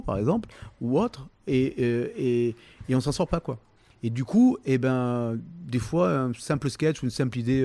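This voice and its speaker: Brief: fifties man, Provençal accent, low mellow tone, dry close mic, halting casual answers. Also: gravelly, no room sound. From southern France, Toulon. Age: 50s. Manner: halting, many fillers and restarts. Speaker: comedian, interview guest.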